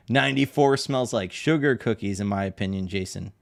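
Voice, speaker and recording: A man's voice: on the low side, a little fast, creaky. A man streaming his art live, chatting casually and answering viewers' questions in a rambling, laid-back way. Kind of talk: casual live-stream chat while drawing.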